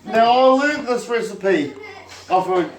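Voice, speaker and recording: An amateur cook gives a casual, foul-mouthed home cooking demonstration and sounds drunk. His voice is high-pitched and slow with lively intonation, and the recording has clearly audible background noise along with clicks.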